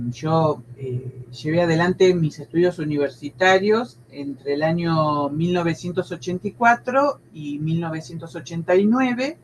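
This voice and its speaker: A woman in her sixties from Argentina with a Buenos Aires province accent, a history teacher speaking as an interview guest and recalling her schooling, often pausing with fillers and restarting. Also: low-pitched, a little hiss or hum, rough recording. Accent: Argentine Spanish, Buenos Aires province. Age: 60s. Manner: hesitant, many fillers and restarts. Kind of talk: conversational interview.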